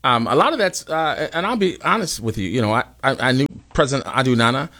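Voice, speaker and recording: A man hosting a discussion, often halting and searching for his words. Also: medium pitch, expressive, sharp tone. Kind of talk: conversational discussion.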